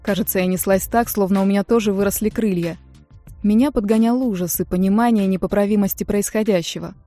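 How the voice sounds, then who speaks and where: Woman reading an audiobook, mellow voice, dry sound, soft music under. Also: mid-range voice, fairly even intonation, fast. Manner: breathless, urgent. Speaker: audiobook narrator. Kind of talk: first-person audiobook reading.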